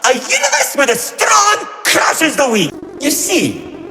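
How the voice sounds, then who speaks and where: A man puts on a full character voice, very high and sharp, as a gleefully cruel trickster villain narrating a game. He tells tales of war theatrically, mocking, flippant, and melodramatic, swinging between grandeur and glee with a grandiose, menacing mood. Echoey hall reverb sits over background music.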